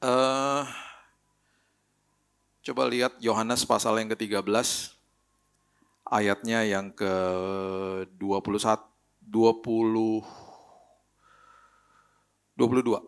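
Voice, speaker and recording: Indonesian pastor telling stories in a sermon. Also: male voice, lowish voice, slow, long pauses, clear, resonant tone. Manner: lively storytelling with acted quotes, mixes in English phrases.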